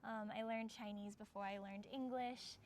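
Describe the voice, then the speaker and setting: A young American woman explains something casually, her medium-pitched voice fairly even and at normal speed. She talks informally, using "like" and "sort of" a lot, with clear ambient background noise in the recording.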